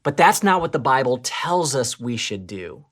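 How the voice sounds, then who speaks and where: A woman co-presenting a scripted children's church lesson, telling the story expressively, swinging between excited and hushed. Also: rumbling low, normal speed.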